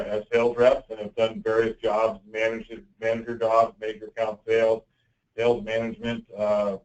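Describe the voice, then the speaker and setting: A man leading a sales team conference call, heard through a call speaker, talking in a halting, conversational way. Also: medium pitch. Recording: muffled distant call audio.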